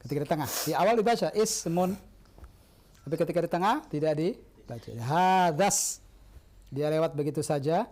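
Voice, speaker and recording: A man's voice: a little high, moderate pace, pauses often, darkish tone. A man teaching an Arabic lesson on radio, patiently correcting students with short affirmations.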